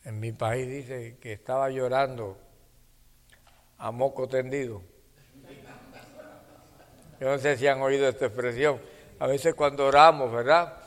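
A man preaching a sermon to his congregation, swinging between hushed near-whispers and loud fervent passages, calling his listeners brother. His voice carries the long reverb of a church hall. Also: mid-range voice, fairly even intonation, measured pace, pauses often.

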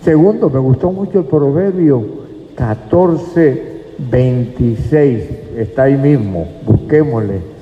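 A man's voice: mid-range voice, takes it slowly. A man preaching a sermon in a church, emphatic and speaking to the congregation as brothers. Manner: emphatic, addresses listeners as brothers. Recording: echoey hall, dull lo-fi sound.

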